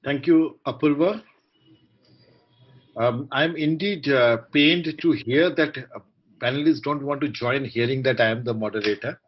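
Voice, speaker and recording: An Indian-accented man with a polite, measured, articulate manner, moderating a formal online panel of doctors. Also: medium pitch. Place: online video call. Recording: dull, muffled video-call audio.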